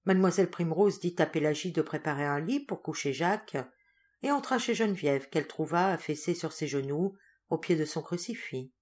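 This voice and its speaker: A woman reading a classic novel aloud as an audiobook, in a measured storytelling way. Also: low voice, lively intonation, darkish tone. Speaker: audiobook reader. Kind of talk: scripted narration.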